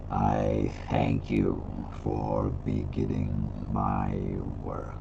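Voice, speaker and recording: A man voicing an ancient dragon as a grave old man, slow and solemn, through a voice filter that cuts out. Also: very deep voice, completely flat delivery, gravelly, highs cut off, voice pushed down, heavily acted. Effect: voice filter, cutting out. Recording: noisy voice chat, filter dropouts.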